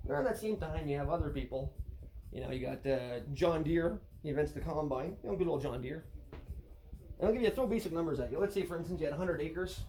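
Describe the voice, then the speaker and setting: A man's voice: fairly high pitch, gravelly, dark tone, slight background noise, rough recording. A man delivering a sarcastic, rambling, profane comedy rant as host.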